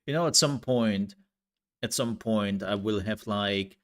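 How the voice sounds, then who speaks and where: A man's voice: fairly low pitch, unhurried, a bit bright. A man streaming a farming game live, chatting casually and telling a rambling story with laughs.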